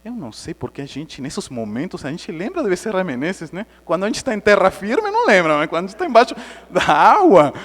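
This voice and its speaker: Man, high voice, spiritist lecturer, animated storytelling, long hall echo. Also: a little fast. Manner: animated, acts out the story with sound effects.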